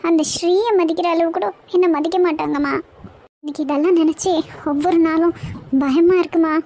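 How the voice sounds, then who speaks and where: A woman's voice: very high-pitched, fairly even intonation, fairly quick, warm tone, slight background noise. An actress playing a young woman who pleads with her mother, remorseful and apologetic, in a TV serial scene. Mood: pleading. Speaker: daughter.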